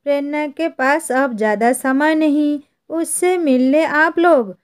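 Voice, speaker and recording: A woman voicing a doctor who quietly tells a family a patient is dying. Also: high voice, unhurried. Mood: somber. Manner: quiet, somber. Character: grave hospital doctor delivering bad news.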